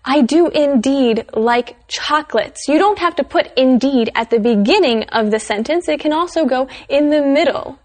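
High voiced lady co-host, calm, gives simple examples in an english lesson. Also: normal speed, hardly any pauses. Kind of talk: casual classroom chat.

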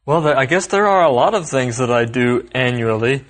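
A man co-hosting an English lesson, explaining in a relaxed, easygoing way. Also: mid-range voice, moderate pace. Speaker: co-host. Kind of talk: casual classroom chat.

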